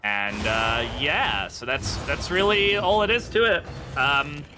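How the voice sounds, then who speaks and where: Slightly high and animated yet unhurried, a man gives casual live game commentary in an American accent, joking, muttering to himself and talking to chat, with a noisy background behind him. He is a game streamer who was born in England and grew up in the United States.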